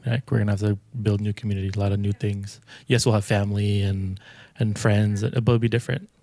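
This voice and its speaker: A young man co-hosting a casual faith-based chat, talking in a relaxed, reflective way and often restarting his sentences. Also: lowish voice, fairly quick, vocal fry, slight background noise. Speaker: co-host.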